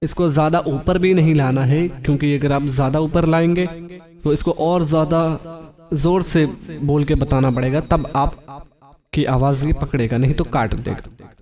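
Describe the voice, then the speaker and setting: A man's voice: fairly high pitch, fairly even intonation, normal speed, dark tone. A man giving a step-by-step audio app tutorial, explaining each setting plainly and checking in with the listener often. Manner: explanatory, repeats "theek hai" to check in. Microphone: phone microphone.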